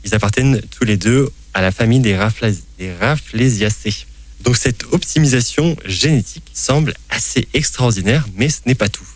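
A man's voice: mid-range voice, moderate pace. Man hosting a science quiz. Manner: explanatory, playful quizmaster. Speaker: science podcast host.

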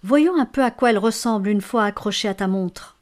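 A woman reading a storybook, voicing a tender, anxious young wife in a higher, louder, pleading voice. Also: brisk, close to an everyday voice. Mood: eager. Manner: pleading, emotional.

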